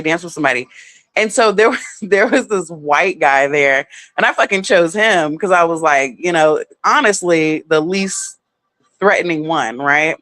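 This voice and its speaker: A woman's voice: sits low, fairly bright tone, no room sound. A woman telling a personal story in a casual vlog, candid and heavily profane, full of filler words.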